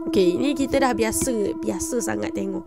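A woman's voice: fairly high pitch, brisk, creaky. A young woman with a Malaysian accent, chatting casually as she reacts to scary videos and explains them to viewers. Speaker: reaction vlogger. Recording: music playing behind.

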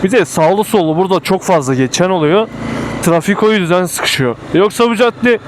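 A man's voice: high voice, moderate pace. A young man chatting casually in slang from inside a motorcycle helmet as he rides, with road and engine noise behind him. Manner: slangy, informal banter. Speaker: motovlogger. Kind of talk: casual chat while riding a motorbike. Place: on a motorbike in city traffic.

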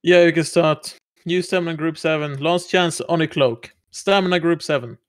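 A man leading a game raid over voice chat, giving brisk orders. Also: fairly high pitch, dry recording, clean studio sound. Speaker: raid leader. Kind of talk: gaming voice chat.

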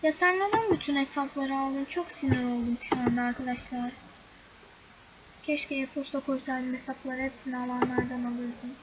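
High-voiced chatty young woman gaming vlogger. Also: fairly even intonation, moderate pace. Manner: chatty, exasperated, often addresses viewers as friends. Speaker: gaming YouTuber. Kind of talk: casual game screen-recording commentary. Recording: dull lo-fi recording with loud background noise.

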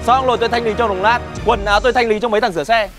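Guy doing a pushy debt collector, curt and threatening, highish voice, music under it. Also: steady tone, racing. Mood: bossy. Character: gruff male debt collector. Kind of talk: slapstick comedy sketch acting.

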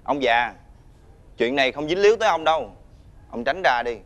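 An actor playing a menacing male debt-collecting thug, talking loudly and scornfully. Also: mid-range voice, expressive, moderate pace, close to an everyday voice. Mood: threatening. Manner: loud, scornful, ordering others around. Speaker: debt collector's henchman leader. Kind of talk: TV fairy-tale drama acting.

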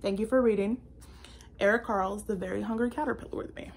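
Talking fast with some vocal fry, a twentysomething woman reads a kids' picture book aloud with playful theatrics at story time. Her mid-range voice holds a steady tone, and slight background noise fills the indoor, bookshelf-lined room.

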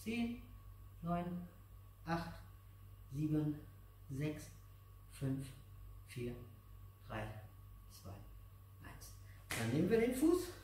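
His voice is fairly high and dark, very animated, with drawn-out words and long pauses, and a little hiss or hum sits under it. A middle-aged aikido teacher, he walks a child and viewers through exercises in plain, repeated, encouraging phrases. The camera mic is distant, inside a large, echoey indoor dojo with mats.

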